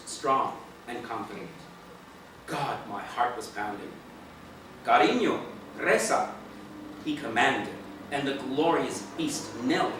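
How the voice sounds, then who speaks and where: A man reading his own first-person story aloud in a dramatic way, swinging between hushed and loud passages. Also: medium pitch, noisy background. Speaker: reader of his own play. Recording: echoey room from far off, faint ambience.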